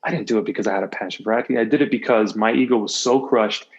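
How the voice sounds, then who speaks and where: The highs are cut off in this recording of a podcast guest who used to be an athlete and coach. He talks very fast in a fairly low voice, recounting personal stories candidly and conversationally, with repeated phrases for emphasis and voiced quotes.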